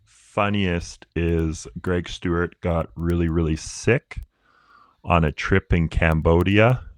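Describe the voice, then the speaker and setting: Deep voiced canadian guy, chill rambling storyteller, dry close sound. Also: steady tone, takes it slowly, dry recording. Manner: laid-back storyteller, many fillers. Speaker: podcast guest, Paralympic athlete. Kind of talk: casual interview chat.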